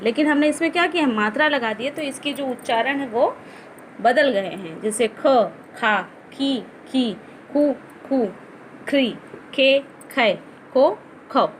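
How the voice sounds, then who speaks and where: A woman's voice: high-pitched, slight background noise. A woman teacher giving a patient lesson to young children, explaining step by step and asking questions she answers herself. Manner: slow, patient explaining with many rhetorical questions. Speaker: school teacher.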